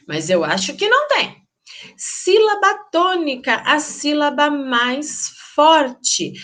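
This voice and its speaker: A woman with a Brazilian Portuguese accent teaches grammar to her students. Her high voice swoops up and down in a sing-song teacherly way. She takes her time, laying out each rule slowly and patiently. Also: fairly bright tone.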